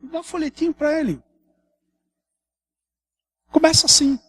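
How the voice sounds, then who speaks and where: In a church hall, a Brazilian pastor with a São Paulo Portuguese accent delivers a morning sermon in an extremely high-pitched voice at normal speed. His preaching is chatty and conversational, full of tag questions and lively shifts.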